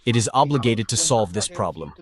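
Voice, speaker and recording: A man's voice: fairly low pitch, animated, fairly quick. A man from Bangladesh speaking as an interviewee in a plain, earnest way.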